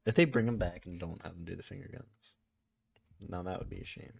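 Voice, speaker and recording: A man's voice: low voice, a little fast, gravelly, darkish tone. A young man co-hosting a casual chat, enthusiastic and slangy. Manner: enthusiastic, says "dude" and "like" a lot. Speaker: co-host.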